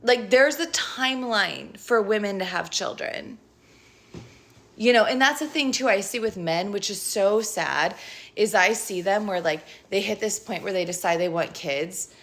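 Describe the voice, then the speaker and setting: A woman's voice: fairly low pitch, a bit bright. A woman reading tarot cards to her viewers in a casual rant, blunt, profane and sarcastic as she scolds them. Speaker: tarot reader.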